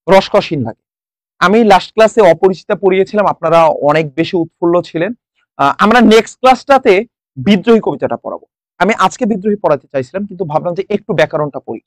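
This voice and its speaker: A man's voice: high-pitched, dry recording. A young man from Bangladesh teaching a live exam-prep class online, quizzing students and repeating the answers. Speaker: online tutor.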